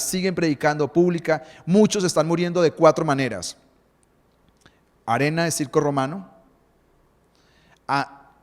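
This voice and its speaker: A man's voice: fairly high pitch, long reverb tail. A male pastor, preaching a sermon and asking the congregation rhetorical questions.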